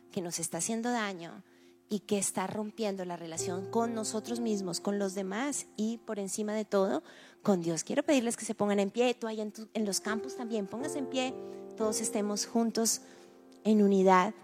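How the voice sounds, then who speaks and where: A woman pastor preaching a sermon, expressive, dropping to a hushed voice when acting out prayers. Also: medium pitch. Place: church with several campuses.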